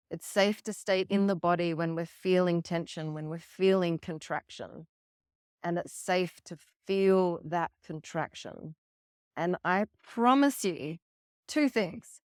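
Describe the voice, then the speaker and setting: A woman delivers a coaching talk on emotional self-care in an unhurried, deliberate way. Her voice sits a little low and she keeps an earnest tone, with the odd casual swear. The sound is dry and close, with no room around it. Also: smooth, dry recording. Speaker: relationship coach.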